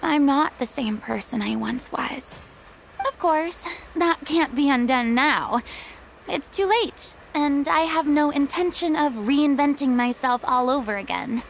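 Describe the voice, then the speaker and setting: An actress voicing a haughty, dramatic retired stage diva in a video game, with theatrical, formal delivery. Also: female voice, high-pitched, measured pace, creaky, slight background noise, poor audio. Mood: wistful, resolute. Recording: background music under clean studio dialogue.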